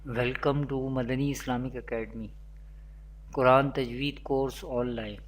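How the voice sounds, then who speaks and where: Teaching the Quran online, the speaker goes slowly, repeating material and reciting in Arabic, in a steady, mid-range voice.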